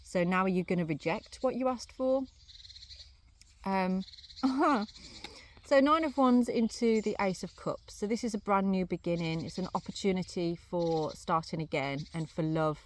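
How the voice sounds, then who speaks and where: A woman reading runes and tarot cards, thinking aloud in a casual, musing way with many pauses and fillers, chewing gum as she talks. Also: medium pitch, slight background noise. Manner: chewing gum while talking. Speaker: rune and tarot reader. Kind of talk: casual card reading to camera. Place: outdoors on a sunny day, crickets behind.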